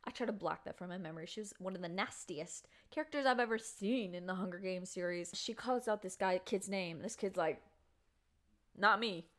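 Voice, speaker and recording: Woman rambling through a book review on camera, slangy and chatty, middle pitch. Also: a little fast, hardly any pauses. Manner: chatty, slangy, animated storytelling. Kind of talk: casual spoiler review vlog. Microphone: camera mic.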